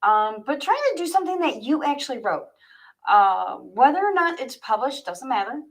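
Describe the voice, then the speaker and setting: A woman with a high voice and big pitch swings livestreams as an author at normal speed, chatting informally and speaking straight to her viewers before reading her own fiction aloud.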